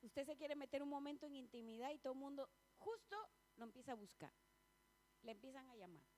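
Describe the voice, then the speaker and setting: A woman's voice: high-pitched, lively intonation, a little fast, a little mellow, a little hiss or hum. A woman preaching a sermon in a church, chatty and personal, often asking the congregation questions and laughing between points.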